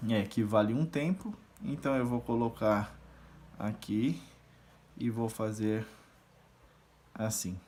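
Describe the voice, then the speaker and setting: A man's voice: lowish voice, fairly even intonation, slow, long pauses, a little mellow, slight background noise. A man teaching rhythm reading and solfège, patiently explaining and counting syllables aloud as he conducts the beat. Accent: Brazilian Portuguese. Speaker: music teacher.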